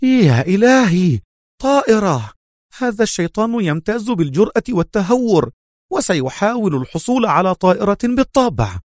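A man voicing a panicked, scheming male Soviet spy chief who shouts in alarm. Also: high-pitched, very animated, normal speed, no room sound, studio quality, voice pushed up. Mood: frantic. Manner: frantic, shouting.

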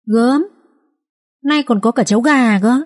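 A woman reading an audiobook voices a sharp-tongued peasant wife who nags and mocks in a raised, quick voice. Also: fairly high pitch, voice pushed up, natural voice. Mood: mocking. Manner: nagging, mocking.

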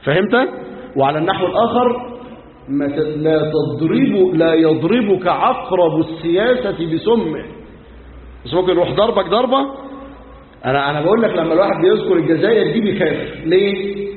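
Egyptian sheikh preaching fast, acts out the stories, tinny lo-fi sound with a big hall echo. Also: male voice, high-pitched, expressive. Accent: Egyptian Arabic. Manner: colloquial storytelling, acting out dialogue, emphatic rhetorical questions. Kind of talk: sermon. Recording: echoey hall, phone-like lo-fi sound.

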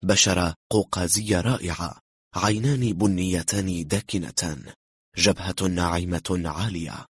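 A man reading a thriller novel aloud in a steady, measured narrating voice. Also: low voice, husky, no room sound. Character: calm, cool-headed man bluffing.

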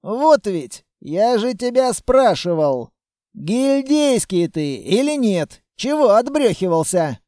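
A man voicing a gruff, skeptical male former ranger who grumbles at his old partner in an audiobook. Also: high voice, big pitch swings, slow pace, mellow, no echo, clean studio sound, pitched above the performer's own voice, full character voice. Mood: pressing.

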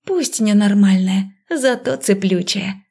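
A woman's voice: medium pitch, takes it slowly, gravelly, darkish tone, husky, full character voice. A woman voicing a stubborn, cheeky young witch who mocks and defies. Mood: defiant. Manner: mocking, defiant.

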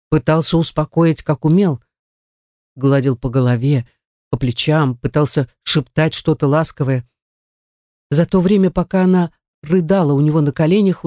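An audiobook narrator reading a novel with a steady, even storytelling delivery. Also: mid-range voice, no echo, studio quality. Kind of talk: scripted narration.

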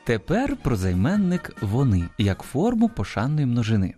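Man giving a lively radio language talk. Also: medium pitch, over music. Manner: explanatory, measured, stressing example words. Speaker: radio presenter. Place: radio studio.

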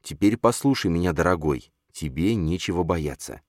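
Man reading as a soft reassuring mom, low voice, lilting, dry sound. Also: expressive, normal speed, no echo. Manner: tender and reassuring. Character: gentle, soothing young mother.

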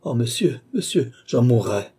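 A man's voice: mid-range voice, big pitch swings, unhurried, warm tone, husky. A man voicing a grieving, hot-tempered young nobleman in an audiobook, with agitated, broken outbursts. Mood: distraught.

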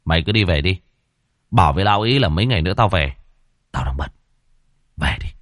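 A man's voice: low-pitched, expressive, fairly quick, a bit bright, no room sound, studio quality. A man voicing an arrogant, dissolute young master who speaks curtly and dismissively. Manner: curt, lazy, dismissive.

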